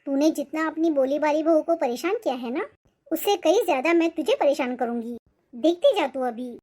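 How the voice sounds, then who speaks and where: A harsh, demanding old grandmother snaps out shrill, very high-pitched complaints. She is a hard-to-please cartoon elder who keeps finding fault. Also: animated, normal speed, dark tone. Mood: bossy. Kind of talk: cartoon voice acting.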